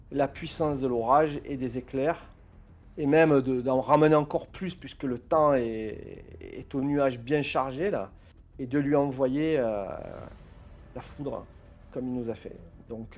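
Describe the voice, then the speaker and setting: A man's voice: medium pitch, a little mellow. A man chatting casually as a player in a tabletop role-playing game.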